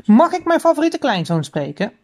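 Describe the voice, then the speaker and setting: A kind, grateful grandfather from a children's storybook, put on by a woman reading aloud. He speaks in a raised, lively voice that swings up and down. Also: sits high, moderate pace, pitched above the performer's own voice, exaggerated voice. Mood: cheerful. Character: kind grandfather thanking shop lady.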